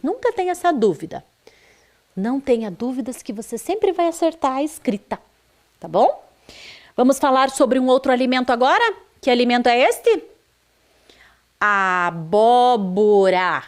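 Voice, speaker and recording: A Brazilian woman teaching a primary school video lesson, drawing out words and stressing their sounds for young children. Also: mid-range voice. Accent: Brazilian Portuguese.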